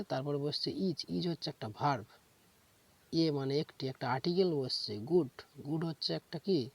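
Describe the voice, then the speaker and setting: A man teaching an English grammar lesson, explaining step by step, asking questions and answering them himself, and slowly repeating key words. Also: on the high side, creaky. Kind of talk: classroom lecture.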